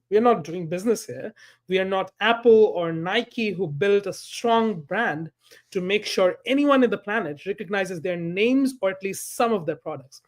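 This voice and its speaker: A man from Bangladesh, a panel guest giving prepared, persuasive commentary and putting rhetorical questions to the listener. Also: high-pitched.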